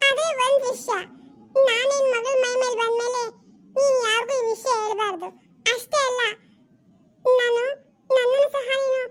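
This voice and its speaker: Woman doing solemn girl-spirit, very high thin voice, firm and bargaining. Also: slight background noise. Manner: stern and bargaining, slow and solemn. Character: female spirit possessing a young girl, calm and firm. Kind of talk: home-made family drama.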